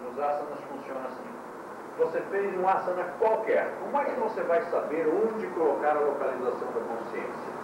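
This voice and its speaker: A man teaching a yoga class in a lecture style, explaining with quick demonstrations and light humor, heard from an old VHS tape recording. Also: a little high, animated, far from the mic, highs cut off. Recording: old VHS tape, echoey room from afar, hiss.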